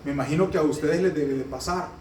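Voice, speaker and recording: High-voiced pastor preaching in an echoey church. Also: male voice, a little hiss or hum. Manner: fast-talking, humorous, conversational preaching; rises to loud, high emphatic bursts. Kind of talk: sermon. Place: church sanctuary. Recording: echoey hall, heard from a distance.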